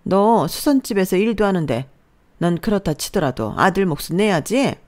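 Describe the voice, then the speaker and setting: Woman playing a nagging older mother-in-law, sneering, belittling, loud and raised in pitch, storybook dialogue. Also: sing-song, normal speed, lightly acted. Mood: scolding. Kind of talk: storybook narration with acted dialogue.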